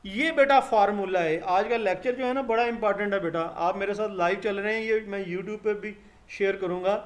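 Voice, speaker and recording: A man with a fairly high voice gives a live online English lesson. He speaks, calls his students "beta" and drills each sound slowly and patiently. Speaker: English teacher.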